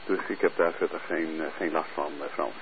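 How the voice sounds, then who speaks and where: A man chatting on air as an amateur radio operator, heard over a two-way radio link, relaxed and hesitant with many filler pauses. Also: rumbling low, gravelly. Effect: heard over a two-way radio transmission. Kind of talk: casual on-air radio chat with call signs. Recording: tinny radio-band sound with faint hiss.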